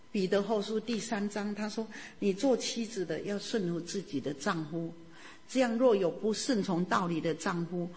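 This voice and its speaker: A woman's voice: on the low side, darkish tone, a little hiss or hum. A woman from Taiwan, giving an earnest, fervent church testimony. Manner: earnest, fervent preaching with tag particles. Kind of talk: testimony sermon. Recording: long reverb of a large hall.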